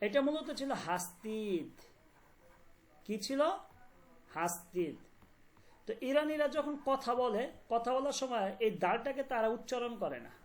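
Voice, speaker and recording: High-voiced woman teaching, checking understanding. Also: animated, moderate pace. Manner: repeats words and checks understanding often. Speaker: language teacher. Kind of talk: online class explanation.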